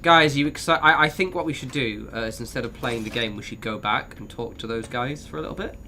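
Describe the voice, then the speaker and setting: Male streamer, modern British received pronunciation, bright forward voice, casual bantering game commentary, faint noise behind. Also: mid-range voice, quick pace. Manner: sweary, chatty, bantering.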